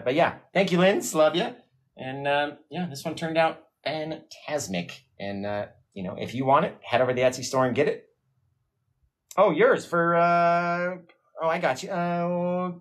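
A man in the middle pitch range hosts a live painting show from a hot home studio. He talks casually and warmly to viewers and reads out their comments as they come in. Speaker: painting livestream host. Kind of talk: casual livestream chat.

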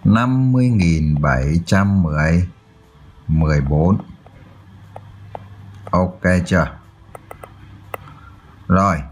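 A man's voice: low voice, darkish tone, slightly rough. A man tutoring children through a math exercise, explaining step by step and often checking that they follow. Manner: checks in often with "được chưa?".

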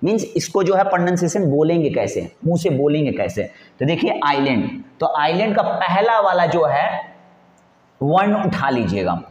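A man's voice: fairly high pitch, very animated, moderate pace. A male teacher giving an exam-prep grammar lesson, repeating points and answering his own questions in a coaxing way. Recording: echoey, dull lo-fi room sound.

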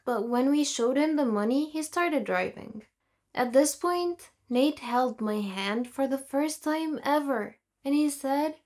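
Brief: female storyteller, first-person narration, slightly high voice, earnest and plain. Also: a little mellow.

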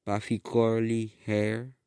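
A man reading his own story aloud in a slow, halting way with restarts. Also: lowish voice, monotone, warm tone, smooth, no room sound, studio quality. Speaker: author reading his book. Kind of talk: storybook narration.

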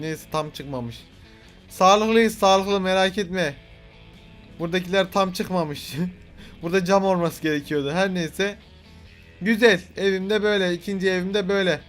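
A young man doing playful, boastful gameplay commentary, joking and swearing at the game characters. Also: high voice. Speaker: gaming video host.

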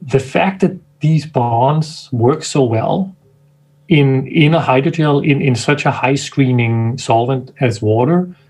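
On poor audio, a slow, medium-pitched male voice with a darkish tone comes through. He's a scientist from Denmark, a guest on a video-call interview, chatting casually but thoughtfully while he hunts for words and keeps restarting sentences.

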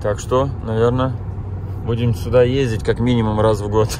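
A vlogger drives through town chatting casually with his viewers and frequently exclaiming at what he sees, his mid-range voice level in tone and moderate in pace. He was born in Kazakhstan, has lived in Germany, and speaks Russian with an accent from both, with background noise behind him.

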